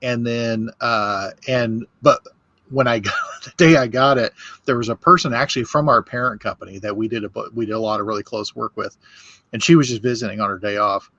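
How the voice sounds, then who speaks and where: A man's voice: medium pitch, a little fast, pushed and bright, no room sound, lo-fi sound. A man in his fifties telling rambling workplace stories in a casual chat, often restarting his sentences. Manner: rambling storyteller, restarts and laughs. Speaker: whiskey podcast host.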